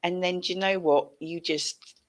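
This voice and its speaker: A middle-aged British woman hosts a casual chat over a video call from a room at home. Her voice is on the low side with fairly even intonation and normal speed, and she sounds encouraging and emphatic, repeating phrases for effect. She's using a headset mic.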